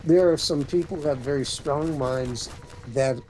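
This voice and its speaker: A man's voice: on the high side, moderate pace, mellow, a little hiss or hum, low-quality recording. A man hosting a casual spiritual chat, rambling with many restarts and trailing off.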